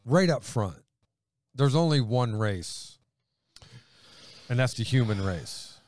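A man from Honduras hosts a casual Bible talk show, laughing easily between points and reading scripture aloud. His voice sits at an ordinary pitch, recorded dry and close. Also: animated, slow, a little mellow, dry recording. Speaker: host.

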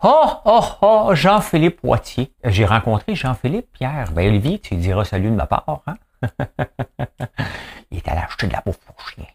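Brief: Quebec French male vlogger, low voice with a lively pitch, rambling and jokey. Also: fairly quick, breathy edge. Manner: rambling, joking, self-mocking. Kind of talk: casual solo commentary to camera. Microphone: camera mic.

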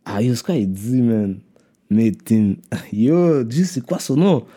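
A man's voice: medium pitch, expressive, slow pace, warm tone. A man in casual chat, slangy and repetitive, mixing in English words. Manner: slangy, mixes English into French, repeats himself. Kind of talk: casual chat about rap.

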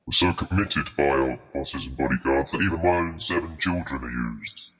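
A man putting on the husky growl of a boastful giant male monster boss in a comic mock advert. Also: very deep voice, fairly quick, pitched below the performer's own voice. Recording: distant tinny phone-like sound.

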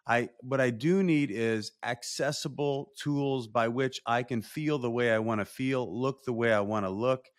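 A man co-hosting a podcast, speaking in an animated, conversational way and swearing casually. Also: medium pitch, unhurried, few pauses. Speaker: podcast co-host.

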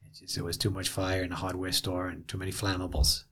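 A man recollecting in an interview, plainspoken and halting, repeating phrases for emphasis in a gravelly, husky voice. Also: deep voice, little pitch movement, fairly bright tone.

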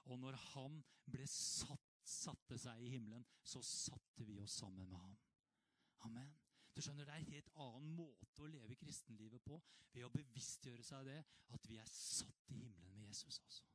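A man preaching a sermon in a conversational way, now and then rising into animated outbursts. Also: medium pitch, no room sound.

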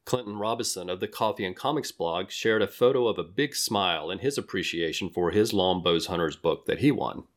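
Deep-voiced man co-hosting a podcast. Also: brisk, few pauses. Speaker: podcast co-host. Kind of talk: reading listener mail.

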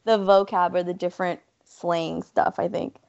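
A woman's voice: on the low side, steady tone, moderate pace, vocal fry, a little mellow, highs cut off. A young woman, a student guest chatting casually with lots of "like". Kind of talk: casual interview chat.

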